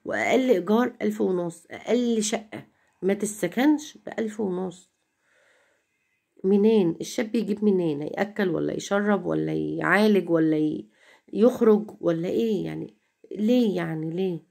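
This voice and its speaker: A woman's voice: medium pitch, moderate pace, creaky, mellow. A middle-aged Egyptian woman chatting to viewers in a home vlog, complaining and repeating herself as she talks. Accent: Egyptian Arabic. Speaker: home vlogger.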